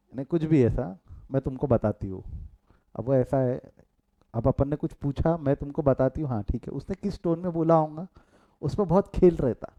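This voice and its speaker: A man's voice: mid-range voice, mellow, highs cut off. A middle-aged man with an Indian accent teaching a live online commerce class, mixing Hindi and English, quizzing his students and breaking off into chatty asides.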